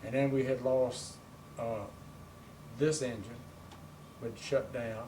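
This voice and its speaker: An elderly male veteran looks back on his wartime service. He speaks plainly and conversationally, as one remembering. The microphone is some way off, with clear noise around him. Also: mid-range voice, steady tone, slow pace. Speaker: war veteran, interviewee. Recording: noisy room, distant microphone.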